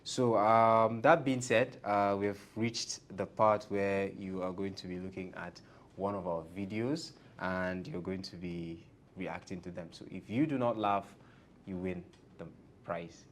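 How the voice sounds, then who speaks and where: A man's voice: fairly even intonation, measured pace. A man hosting a casual interview as the interviewer, often chiming in with short affirmations. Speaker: interviewer and host. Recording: rumbly background noise.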